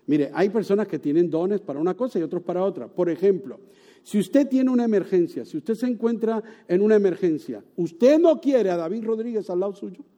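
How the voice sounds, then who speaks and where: A man preaching a sermon, telling a story with animated, sometimes loud exclamations and soft, hushed moments. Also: sits high, a little fast, highs cut off. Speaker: pastor.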